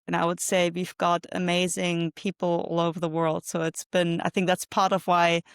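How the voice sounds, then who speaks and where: Middle-aged woman from Germany, podcast guest, clean smooth voice, dry close sound, relaxed chatty delivery. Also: fairly low pitch, normal speed, dry recording. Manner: relaxed, many filler "uh"s. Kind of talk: casual interview talk.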